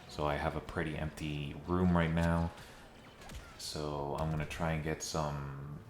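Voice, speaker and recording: Deep-voiced man in an echoey empty room. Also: a little hiss or hum. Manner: conversational, dryly sarcastic at times. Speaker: video essayist. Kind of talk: casual commentary to viewers. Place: mostly empty room in a new home.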